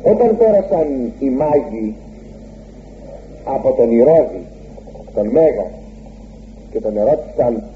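Guy preaching a sermon, pitch jumps way up on the big words, tinny lo-fi recording w faint hum. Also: pauses often. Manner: animated, swooping pitch on emphasis.

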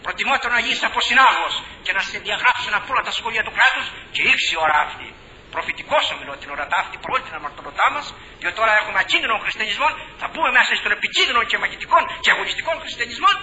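An older priest delivers a fiery sermon, his voice very high-pitched and sharply bright. He swings between impassioned shouting and hushed, dropped tones. The recording sounds dull and lo-fi, with a faint hiss underneath. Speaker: Orthodox priest.

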